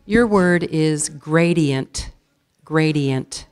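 A woman serving as a spelling bee pronouncer in a school auditorium, saying each word slowly and deliberately and reading out definitions. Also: sits low, darkish tone. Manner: slow, deliberate, repeats each word clearly.

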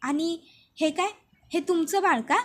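A woman's voice: very high-pitched, measured pace, a little hiss or hum, pitched above the performer's own voice. A woman voicing a sly young woman who coaxes sweetly with a rustic turn of speech. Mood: sweet, coaxing.

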